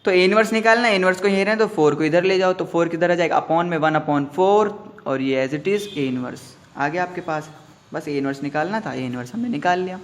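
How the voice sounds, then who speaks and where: A man's voice: on the high side, brisk. A man with an Indian accent teaching a math lesson, mixing in English terms and working through each step by asking and answering his own questions.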